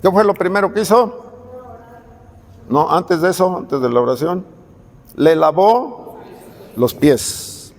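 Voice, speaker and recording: A man's voice: high-pitched, animated, slow pace, pauses often. A man preaching a sermon in a conversational way, often asking questions and addressing his listeners as "brother". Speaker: pastor. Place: church hall. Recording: long reverb of a church hall.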